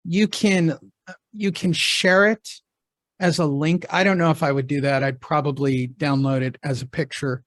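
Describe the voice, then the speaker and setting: An upbeat podcast host in a casual chat who is quick to agree and build on points. The voice sits at a mid pitch and is recorded very dry, with no room sound. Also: steady tone, no echo.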